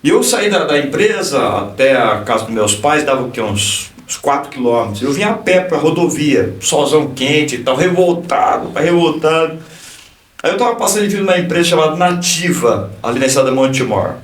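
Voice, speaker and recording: A man in his fifties with a Brazilian Portuguese accent, a lawyer and pastor giving an animated personal testimony on a podcast, stumbling and restarting as he goes. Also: a little high, a little fast, slight background noise. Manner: animated storyteller, acts out dialogue, frequent restarts. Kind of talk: personal testimony in casual conversation. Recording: echoey room, distant from the mic.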